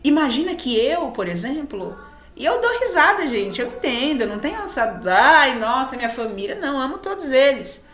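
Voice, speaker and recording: Animated Brazilian woman teaching in a roomy space. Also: high voice, moderate pace. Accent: Brazilian Portuguese. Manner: emphatic, acts out short quoted exchanges. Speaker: spiritual speaker. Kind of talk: spiritual teaching talk.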